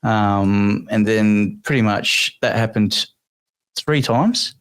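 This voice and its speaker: Low-voiced Australian dad telling a story. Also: male voice, slow, fairly bright tone, smooth, dry recording. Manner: easygoing, anecdotal. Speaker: guest's father. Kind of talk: casual storytelling.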